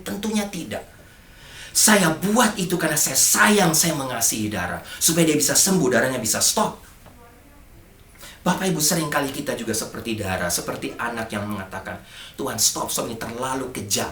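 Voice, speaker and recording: In an echoey church hall, a middle-aged pastor preaches emphatically, often speaking straight to the congregation. His voice sits in the mid-range and has a slightly bright quality.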